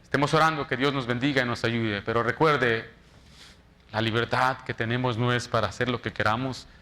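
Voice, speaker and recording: Man preaching in church, bright tense tone, gets loud then drops way down soft. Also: mid-range voice, fairly even intonation, fairly quick. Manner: preaching with dramatic quoted voices, rising loud at climaxes and dropping soft. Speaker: pastor. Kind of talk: sermon.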